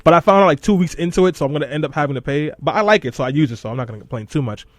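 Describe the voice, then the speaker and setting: A young man from New York chats on a radio show in a loose, joking way. His speech runs fast and sits a little high. The studio sound is dry and close. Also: animated, no room sound. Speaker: radio co-host. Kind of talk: casual radio chat.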